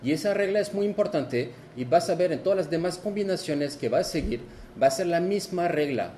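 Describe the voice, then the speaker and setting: A man giving a video lesson, explaining slowly and repeating and exaggerating each example word. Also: a little high, mellow, slight background noise. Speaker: French teacher.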